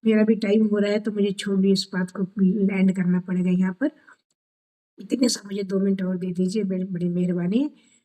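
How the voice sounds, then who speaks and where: An older woman telling a story in a devotional session, animated and acting out conversations, speaking over a video call. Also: medium pitch, moderate pace, rough recording. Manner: animated, acts out dialogue with children. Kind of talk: storytelling talk.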